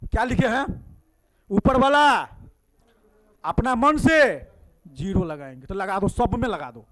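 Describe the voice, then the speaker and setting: Lively high-voiced man teaching math. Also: unhurried. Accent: Bihari Hindi. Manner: lively, coaxing questions to students. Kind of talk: classroom teaching. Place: classroom.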